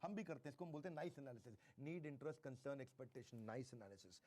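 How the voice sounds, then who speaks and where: A man giving a motivational sales lecture, stressing key phrases by repeating them slowly and mixing in English. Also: mid-range voice, dark tone. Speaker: sales trainer.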